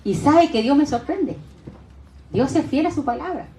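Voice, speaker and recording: High-voiced woman preaching in an echoey room. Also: animated, moderate pace, dark tone, distant mic. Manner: emphatic, questions the congregation directly. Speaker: pastor. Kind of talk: sermon.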